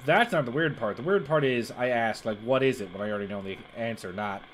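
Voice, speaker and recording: A man's voice: medium pitch, fast, slight background noise. A middle-aged man giving casual, sardonic, sweary gameplay commentary on a stream. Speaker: game streamer. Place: indoor streaming setup. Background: game music.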